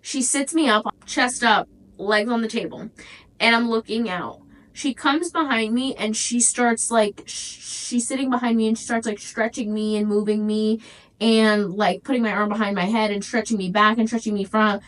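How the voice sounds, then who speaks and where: A woman's voice: a little high, fairly even intonation, normal speed, low-quality recording. A young woman hosting her own podcast, telling a crude personal story in a candid, casual way. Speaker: podcast host.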